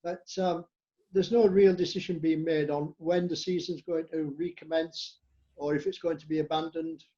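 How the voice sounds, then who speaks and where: Mellow older Yorkshire man, lo-fi. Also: fairly high pitch, fairly even intonation, normal speed. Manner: agreeable, repeats yes. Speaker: quiz player. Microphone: video call. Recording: dull lo-fi video call audio.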